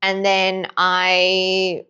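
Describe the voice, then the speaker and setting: A woman from Pakistan, a podcast guest, telling her story in a lively way and laughing often. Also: medium pitch, drawn-out words, smooth. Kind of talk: casual interview chat.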